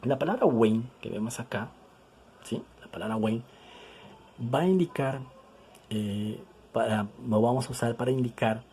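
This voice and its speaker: A male teacher giving an English lesson in Spanish. He repeats each English example slowly and keeps checking with the class by asking "¿sí?". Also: medium pitch, mellow, slight background noise, rough recording. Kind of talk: recorded language lesson.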